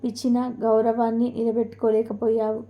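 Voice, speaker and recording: A woman's voice: fairly high pitch, monotone, moderate pace, highs cut off, close to an everyday voice. Woman voicing an angry wind god. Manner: threatening, indignant.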